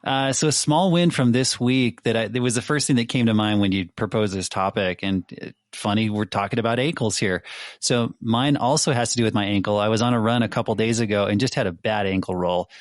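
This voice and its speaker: A low-voiced man tells his part of a podcast chat in a steady, matter-of-fact way. The recording is dry and close, with no room sound. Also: fairly quick, no echo. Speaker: podcast co-host. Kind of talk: casual chat.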